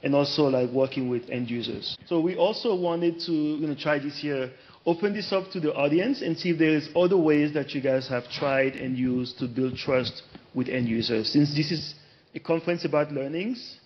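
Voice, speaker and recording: A man's voice: on the high side, normal speed, dull audio, slight background noise. A man moderating a conference panel, summing up points and inviting the audience to speak.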